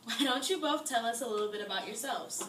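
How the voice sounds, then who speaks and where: A woman's voice: a little high, fast talker, lightly acted. A young woman playing an upbeat female moderator in a class-project mock debate, chatty and friendly. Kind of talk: amateur class-project role-play. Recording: echoey room, mic far off, faint noise.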